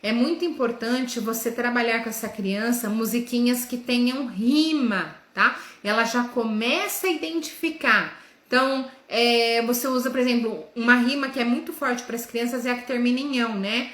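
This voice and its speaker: A woman teaching other teachers. She talks in a didactic way, checks in with "né?" and "tá?" throughout, and sounds out letters and syllables slowly in her demonstrations. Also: a little high, fairly bright tone, reverberant. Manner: didactic, with frequent "né?" and "tá?" check-ins. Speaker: educator. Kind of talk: lesson for teachers.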